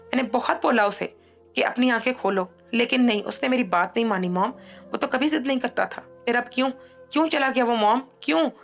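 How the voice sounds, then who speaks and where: A woman's voice: lowish voice, steady tone, fast talker, few pauses, soft background music, natural voice. A woman voicing a grief-stricken young woman who is crying and stammering through her tears. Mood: sobbing grief.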